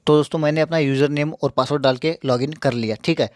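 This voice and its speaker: A man's voice: on the high side, fairly even intonation, fast, a little mellow, no echo, studio quality. A young man hosting a casual screen-share tutorial, repeating points and reassuring viewers, slightly hampered by a mouth ulcer. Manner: repetitive, reassuring, keeps checking in with listeners. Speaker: YouTube tech channel host.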